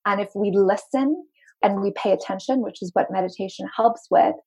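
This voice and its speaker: In a rough recording, a marketing coach from Zimbabwe talks earnestly and with enthusiasm as a podcast guest. Her mid-range voice is husky and darkish at a moderate pace, and her accent is mostly American with a light Zimbabwean and South African touch.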